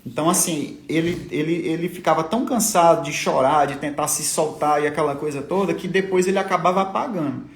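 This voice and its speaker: A man, a father, telling his family's hard story in a halting, tearful way, often repeating his words. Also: a little high. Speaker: father of a sick child. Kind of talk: emotional personal testimony on a livestream. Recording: echoey room.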